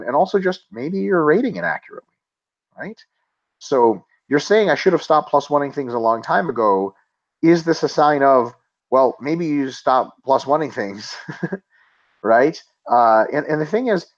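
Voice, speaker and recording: Over dull audio, a medium-pitched male co-host of a casual webinar Q&A reads listener questions aloud. His answers are blunt and emphatic, with plenty of swearing.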